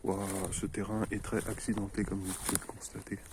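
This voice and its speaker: Man, lowish voice, mock-formal joking vlogger, snowy woods, noisy outdoor recording. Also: little pitch movement, normal speed. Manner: mock-formal, jokey, addresses viewers. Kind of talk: playful mock-explorer commentary.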